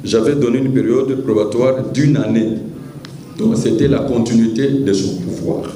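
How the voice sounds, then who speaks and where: A man's voice: medium pitch, moderate pace, warm tone, echoey room, low-quality recording. A man giving a formal speech to meeting participants. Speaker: church leader addressing a meeting.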